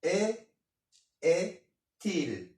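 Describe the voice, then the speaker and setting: A man leads a grammar lesson at a slow, patient pace, repeating each word many times for his learners. His voice sounds roomy and distant, as if the microphone sits across the room. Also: high-pitched, very animated, a little mellow. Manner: slow, repetitive, drills words over and over. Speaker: Arabic grammar teacher. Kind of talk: bilingual Arabic-French grammar lesson.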